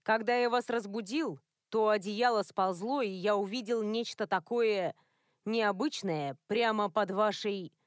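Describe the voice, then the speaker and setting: A woman's voice: medium pitch, a little slow, no room sound, studio quality, natural voice. A woman voicing a flustered but gallant male police inspector in an audiobook, speaking hesitantly and earnestly. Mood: awkward.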